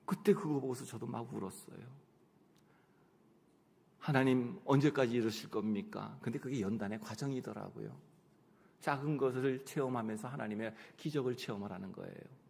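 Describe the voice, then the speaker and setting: Korean pastor preaching in a reverberant hall. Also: male voice, mid-range voice, a little fast, gravelly. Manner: animated storytelling, acts out his own prayers and dialogue. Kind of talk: sermon with personal stories. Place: church sanctuary. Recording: long church hall reverb.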